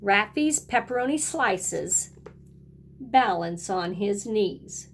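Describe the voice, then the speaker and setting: A kindergarten teacher reads a picture book aloud in a mid-range, expressive voice, speaking slowly and in a sing-song way directly to young children. There is slight background noise.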